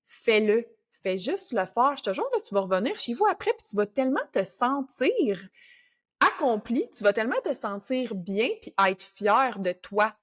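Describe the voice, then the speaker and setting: A woman's voice: fairly high pitch, big pitch swings, moderate pace, fairly bright tone. A young woman with a Québécois French accent hosting a motivational podcast, talking casually and coaching listeners with English words mixed in. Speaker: podcast host.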